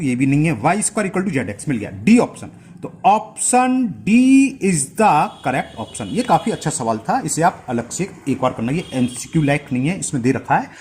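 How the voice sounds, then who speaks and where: Husky-voiced man teaching maths. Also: a little high, darkish tone. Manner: explains step by step, checks understanding with rhetorical questions. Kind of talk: whiteboard maths lesson.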